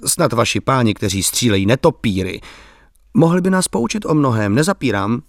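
A man's voice: medium pitch, very animated, no room sound, studio quality. Man reading as a bitter village intellectual. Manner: polite but bitter and ironic, measured. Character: bitter, ironic male village intellectual, middle-aged.

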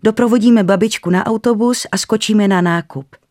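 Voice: medium pitch, a little mellow, no room sound, voice pushed up, natural voice. A storyteller voicing a practical, skeptical young mother in a dry, close recording.

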